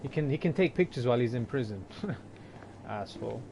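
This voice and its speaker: A man's voice: medium pitch, animated, normal speed, creaky, noisy background. A young man casually commenting on a game as he plays, rambling and joking with his chat. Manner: rambling, jokey, talks to chat. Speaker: gameplay streamer. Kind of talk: casual let's-play commentary.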